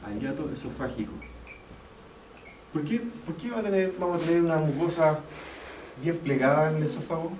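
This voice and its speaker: A man teaches an anatomy class, repeating each key term and checking that students follow. His voice is mellow and sits a little high. He is picked up from a distance in an echoey lecture hall with faint background noise. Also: animated, moderate pace, long pauses. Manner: explains step by step, repeats key terms, checks in with "¿ya?". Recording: echoey classroom, mic far off, faint ambience.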